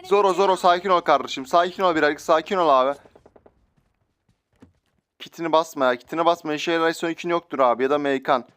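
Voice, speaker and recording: Excitable young man doing gameplay commentary. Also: fairly high pitch, fast talker, long pauses, clear, resonant tone. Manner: excitable, joking, talks to enemies in game. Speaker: gaming YouTuber.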